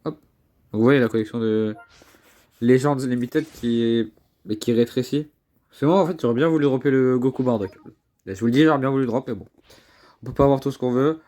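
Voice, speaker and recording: A young man with a cold, sounding congested, runs a mobile game YouTube channel and gives casual gameplay commentary. His medium-pitched voice moves a little fast, broken by long pauses. He's excitable and chatty, repeats words, and swears under his breath.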